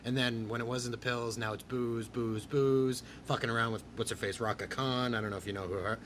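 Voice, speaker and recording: A man hosting a podcast in casual chat, rambling and excitable with crude jokes. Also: mid-range voice, fairly quick, a little hiss or hum. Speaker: podcast host.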